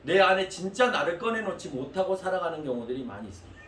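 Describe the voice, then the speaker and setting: A male pastor preaching a sermon in a church hall, animated and speaking directly to the congregation. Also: a little high, fast, slight background noise. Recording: echoey hall, mic at a distance.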